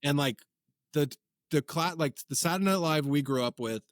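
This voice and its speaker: A man's voice: on the high side, moderate pace, no room sound. Man, forties, rambling storyteller, filler-heavy casual chat, dry close sound. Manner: rambling, animated storytelling with many filler words. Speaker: podcast guest, comedy content creator.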